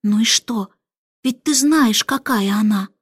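A woman reading aloud, voicing a young girl who speaks in an anxious hush. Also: fairly high pitch, measured pace, breathy edge, no echo, clean studio sound. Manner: hushed, anxious.

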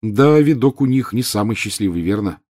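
A man's voice: on the low side, lively intonation, moderate pace, a little mellow. Ron, a man doing a blunt grumbling schoolboy. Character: blunt teenage schoolboy wizard.

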